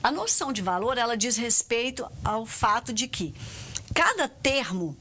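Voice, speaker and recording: A woman's voice: fairly high pitch, sing-song, normal speed, bright, forceful tone, husky. A Brazilian woman giving a recorded university lecture, explaining step by step and checking in with "né?" and "certo?". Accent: Brazilian Portuguese. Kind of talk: recorded distance-learning lecture.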